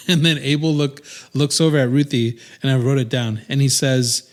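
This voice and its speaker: A man in his thirties talks in a loose, casual podcast chat, with a voice of ordinary middle pitch. He rambles and restarts his sentences often, filling the gaps with "um" and "like". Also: fairly even intonation, normal speed. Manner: rambling, many restarts and fillers. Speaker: podcast co-host.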